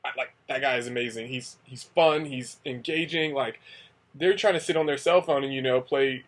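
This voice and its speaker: A young American man, an English teacher working in Asia, chats straight to camera in a casual vlog at a moderate pace. His voice sits mid-range for a man, and he rambles conversationally, full of "like" and "you know," circling back on himself.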